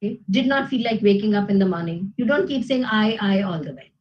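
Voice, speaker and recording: Speaking fast with lively intonation at a medium pitch, a woman with an Indian English accent runs a grammar class, recorded with dull audio and slight background noise. She explains things patiently and regularly asks "okay?" and "isn't it?" to confirm understanding.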